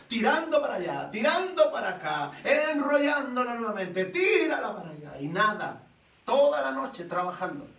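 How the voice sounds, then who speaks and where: A man preaching a sermon with a very high, bright, ringing voice. He tells the story in an animated way, full of rhetorical questions. He is heard from a distance in an echoey church hall. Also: creaky.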